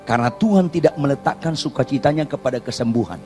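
A male pastor preaching a sermon, animated, swinging from shouts to near-whispers. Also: mid-range voice, fast talker, soft background music.

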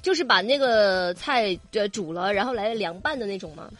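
A woman with a Sichuan accent co-hosting a casual chat show in an expressive, exclamatory way. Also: medium pitch, moderate pace, soft background music. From Mianyang, Sichuan. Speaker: talk show co-host reading listener messages.

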